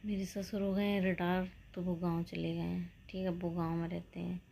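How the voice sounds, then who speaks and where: A woman's voice: fairly low pitch, level tone, moderate pace, creaky, warm tone. A woman in her thirties chatting casually to her viewers, unwell and rambling, sometimes dropping to a whisper. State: unwell with joint pain. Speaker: vlogger. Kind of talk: casual vlog chat.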